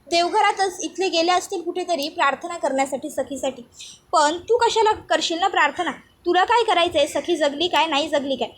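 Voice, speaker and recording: A woman's voice: extremely high pitch, fairly quick. Brief: woman as scolding aunt, reproachful. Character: reproachful middle-aged aunt.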